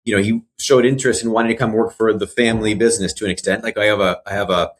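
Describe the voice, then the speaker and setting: A man's voice: lowish voice, fairly even intonation, rapid-fire. A man in his forties, a guest in an interview, talking in an earnest, reflective way and repeating words as he thinks. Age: 40s. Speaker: mortgage broker guest. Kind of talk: casual interview.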